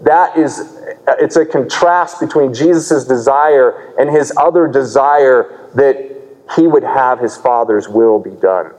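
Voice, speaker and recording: A man's voice: mid-range voice, slow, a little mellow. Earnest male pastor preaching in a reverberant hall. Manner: earnest, explanatory preaching with rhetorical questions. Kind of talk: sermon.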